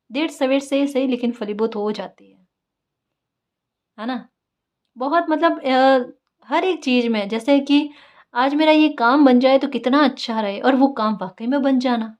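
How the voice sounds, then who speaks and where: Coaxing woman with a slightly high voice. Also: darkish tone. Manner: coaxing, keeps asking "right?" of the listener; encouraging, repeats key phrases. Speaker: tarot reader. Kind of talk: casual spiritual guidance talk.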